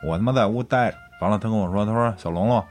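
A man's voice: on the low side, racing, a little mellow. A man with a Beijing accent, a podcast co-host rambling through a personal anecdote in casual chat, swearing and laughing often.

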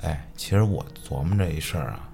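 A man's voice: rumbling low, quick pace, creaky, dark tone, husky. A man co-hosting a podcast, reacting to a story with curses and jokes. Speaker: podcast co-host. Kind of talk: casual chat.

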